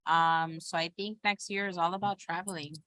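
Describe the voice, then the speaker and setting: A woman's voice: on the low side, fairly even intonation, sharp tone, slight background noise. A woman in her thirties from Brooklyn and Miami, a stand-up comedian chatting candidly as a podcast guest. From Brooklyn and Miami, USA. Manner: candid, self-mocking, quick to laugh. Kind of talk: casual chat.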